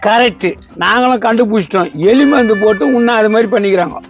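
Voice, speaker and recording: A man's voice: sits high, fast, soft background music. A man dubbing a meddling male neighbour, jeering and accusing in a comic fan dub.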